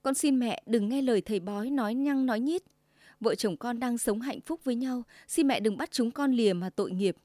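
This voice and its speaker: A woman voicing a gentle, frightened young wife who pleads in a timid, tearful way, in a storybook tale. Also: on the high side, fairly quick, dry recording, clean studio sound, lightly acted.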